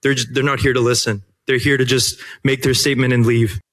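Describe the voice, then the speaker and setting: A man giving an earnest, halting public comment at a city council meeting, speaking into a podium microphone. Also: mid-range voice, level tone, fairly bright tone.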